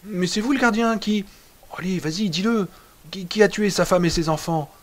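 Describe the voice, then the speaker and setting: A man voicing a tipsy, shaken man who speaks with a thick, slurred, halting voice and trips over his words. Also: high voice, voice pushed up, close to an everyday voice. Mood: tipsy, unsettled. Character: drunk, shaken middle-aged man at a ball.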